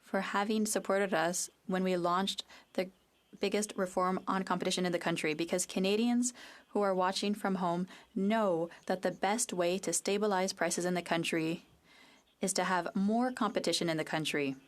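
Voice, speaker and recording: A woman interpreting a parliamentary debate live, in a measured, neutral way with uneven phrasing. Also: on the low side, fairly even intonation. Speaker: simultaneous interpreter.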